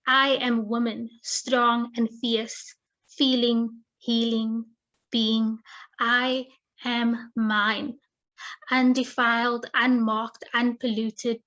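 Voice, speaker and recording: A woman reading her own poetry aloud, measured and deliberate, over a video call. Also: fairly high pitch, fairly bright tone. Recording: muffled lo-fi video call audio.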